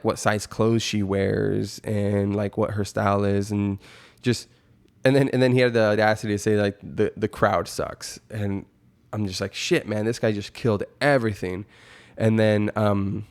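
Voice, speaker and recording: Low-voiced man rambling through a casual story. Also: clear, resonant tone. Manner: rambling and hesitant, with frequent 'like' and 'you know'. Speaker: amateur stand-up comedian telling of a first open mic. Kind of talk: casual first-person storytelling.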